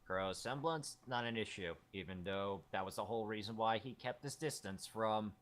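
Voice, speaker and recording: A man's voice: fairly low pitch, moderate pace, fairly bright tone. A man co-hosting a podcast in casual chat, dry and curt. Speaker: podcast co-host.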